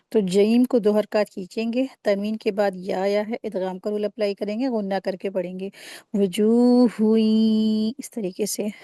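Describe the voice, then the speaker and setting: A woman teaching a recitation lesson, patiently explaining each rule and then slowly modelling the drawn-out sounds. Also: mid-range voice, warm tone, no echo, clean studio sound. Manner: patient, repeats and corrects common mistakes. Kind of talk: tajweed lesson.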